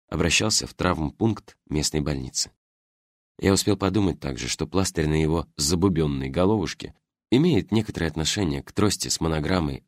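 A man narrates a first-person story expressively, with a low voice. His intonation rises and falls a great deal. The recording is dry and close with no room echo. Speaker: audiobook narrator.

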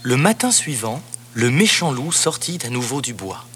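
A man narrating a children's storybook cassette in a lively, expressive read-aloud voice. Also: medium pitch, normal speed, noisy background. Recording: cassette narration over background music.

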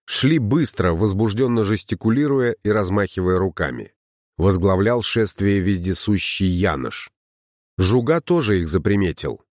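A man narrating an adventure audiobook in steady storytelling. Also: lowish voice, normal speed, no echo, studio quality.

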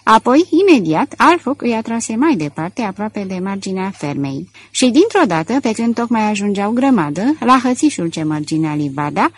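A woman's voice: mid-range voice, no room sound. A woman narrating a detective novel as an audiobook, reading expressively into a close mic.

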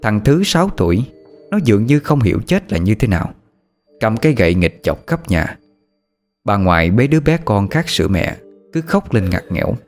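Low voiced guy narrating a sad story, slow, soft music underneath. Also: sing-song. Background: faint music.

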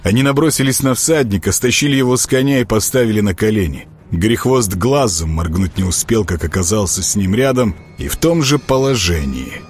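A man narrating an audiobook in an expressive, animated reading. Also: on the low side, a little fast. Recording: narration with faint music behind.

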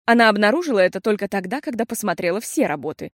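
A woman reading an audiobook, voicing a worried but steady mother who speaks earnestly and deliberately. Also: mid-range voice, dry recording, clean studio sound. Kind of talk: audiobook character voice.

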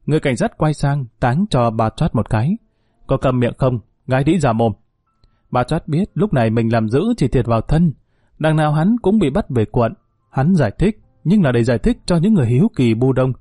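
Mellow-voiced male audiobook narrator. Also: mid-range voice, husky, no echo, studio quality, soft background music. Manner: steady, measured storytelling.

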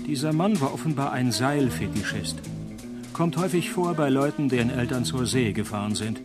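A man performs a cynical noir detective for a radio play. He is dry and deadpan, wisecracking his way through hardboiled lines. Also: mid-range voice, normal speed, loud music behind the voice, close to an everyday voice. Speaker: narrator and lead actor of a detective radio play. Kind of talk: noir detective parody radio drama, first-person narration.

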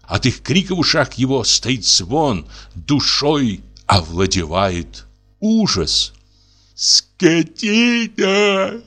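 A man calmly narrating a classic short story as an audiobook. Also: medium pitch, slow, husky, faint music behind.

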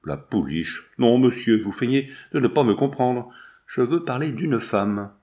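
A stern old general in a storybook reading, agitated and severe, his pitch swinging from low mutters to sharp rises, as a male narrator puts him on. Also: animated, normal speed, highs cut off.

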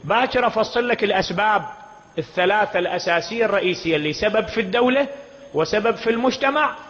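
A man's voice: high-pitched, a bit bright, slight background noise. A man with an Iraqi accent preaching an impassioned mourning sermon, firing off rhetorical questions at the gathering. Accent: Iraqi Arabic. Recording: dull, reverberant hall recording.

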